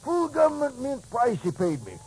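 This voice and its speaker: An actor playing an indignant old prospector in a western drama, with a rough voice, an American accent and folksy, grumbling talk. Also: male voice, very high voice, wildly swooping pitch, normal speed, darkish tone, exaggerated voice, poor audio. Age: older. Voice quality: husky, rough.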